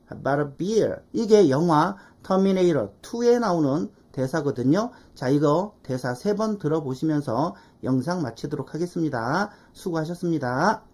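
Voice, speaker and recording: A woman teaching English pronunciation in an online lesson, explaining step by step, checking in with rhetorical questions and slowly repeating drill phrases. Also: deep voice, mellow.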